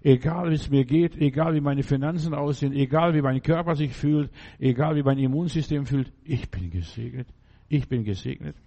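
A man's voice: mid-range voice, normal speed, creaky, mellow. A male preacher giving a sermon, repeating affirmations and often checking whether the listener understands. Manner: repeats affirmations and keeps asking the listener "verstehst du". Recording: dull lo-fi recording.

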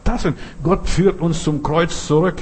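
A man's voice: a little high, a little slow, darkish tone, slightly rough. An older man preaching a Pentecostal sermon, emphatic, repeating phrases and often asking his listeners whether they understand.

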